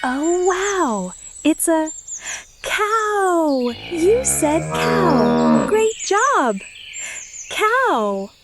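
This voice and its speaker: A woman's voice: extremely high pitch, huge pitch swings, drawn-out words, over music. A woman narrating a kids' learning video, cheerfully teaching toddlers with call-and-response. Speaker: children's teacher.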